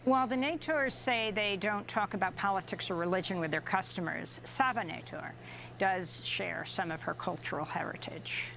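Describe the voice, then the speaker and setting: A woman narrating a news report in a steady, crisp reporter's delivery. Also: medium pitch, normal speed, a little hiss or hum.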